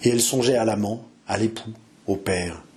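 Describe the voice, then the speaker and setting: A man narrating a classic novel as an audiobook, measured and expressive, lingering on phrases. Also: on the low side.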